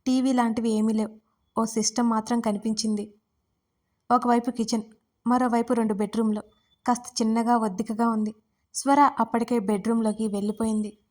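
A woman storyteller narrating a romance in a steady reading voice. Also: fairly high pitch, brisk. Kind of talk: scripted narration.

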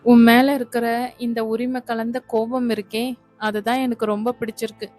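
Woman voicing a playful young husband, coaxing, fairly high, flat delivery, storybook. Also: normal speed, faint music behind, lightly acted. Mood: teasing. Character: young husband Vetri, teasing and affectionate.

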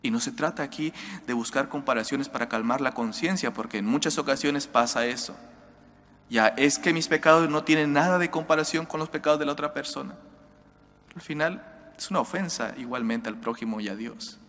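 Earnest priest preaching in a reverberant church. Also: male voice, medium pitch, fairly quick, a bit bright, slight background noise. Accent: Spanish. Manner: earnest, exhorting, direct address to listeners. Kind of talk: homily at daily Mass. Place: church sanctuary, at a lectern. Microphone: lectern microphone.

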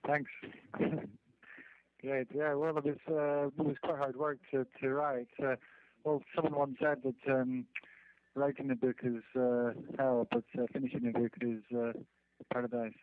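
A man's voice: mid-range voice, little pitch movement, unhurried. A man with a Scottish accent, a guest on a phone interview, laid-back and hesitant with lots of ums. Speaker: guest musician. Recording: bad long-distance phone line.

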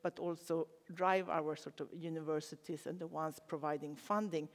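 A man's voice: a little high, steady tone, normal speed. A man speaking earnestly on a conference panel, with some restarts. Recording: reverberant conference hall.

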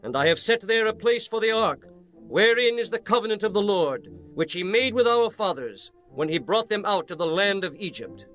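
A reverent biblical king in a scripture drama. His voice sits high for a man, and he declaims solemnly over a musical backdrop. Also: expressive, normal speed, fairly bright tone, soft background music. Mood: proud, reverent. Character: King Solomon, reverent male monarch praying and blessing.

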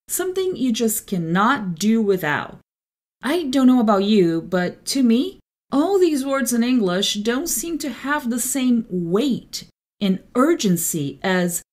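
A woman with a fairly high but darkish-toned voice hosts a solo podcast, explaining things with careful enunciation. She is a translator and a native Portuguese speaker.

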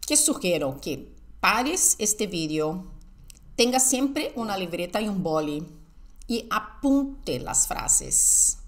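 Woman english teacher going real slow, voice swings up and down a lot, repeats everything. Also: fairly low pitch. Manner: slow, emphatic drilling with many repetitions; asks the viewer questions and answers them herself. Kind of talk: online language lesson.

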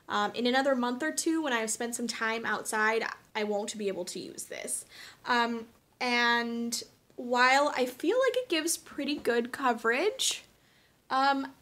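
Young woman vlogger, talkative and candid, slightly high voice, relaxed product rundown. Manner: chatty, frank, many ums and asides. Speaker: beauty vlogger. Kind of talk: casual product review chat.

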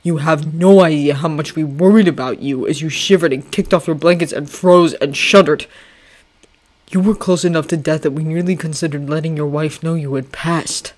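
A woman's voice: low voice, steady tone, normal speed, a little mellow. A woman voicing a stern older male general who gives firm, clipped orders.

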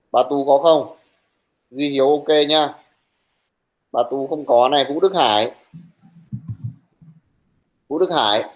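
A young male teacher running an online class, brisk and teasing, who scolds his students bluntly while taking attendance. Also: mid-range voice, rough recording.

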